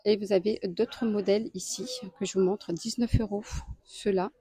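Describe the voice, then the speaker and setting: A woman, a deal-hunting vlogger, walks through a store aisle and lists prices and sizes. She speaks in a chatty way and pauses often. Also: medium pitch, steady tone, mellow, slightly rough, no room sound. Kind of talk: casual store walkthrough. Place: home improvement store aisle.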